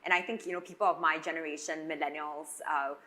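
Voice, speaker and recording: Singaporean woman in her 30s, lowish voice, educator on a panel, earnest and articulate. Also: fairly even intonation, fast talker, sharp tone. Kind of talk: panel discussion.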